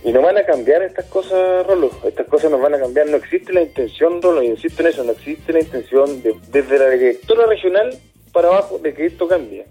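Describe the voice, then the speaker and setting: A man, a dismissed youth care worker, answering in a radio interview in an earnest, halting way, often repeating words. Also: on the high side, animated, mellow, breathy edge, faint music behind.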